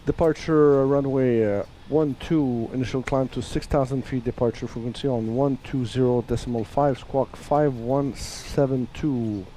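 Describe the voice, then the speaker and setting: A man playing a flight sim pilot, making formal radio calls to air traffic control into a cockpit headset with hesitant pauses. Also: medium pitch, fairly even intonation, dark tone.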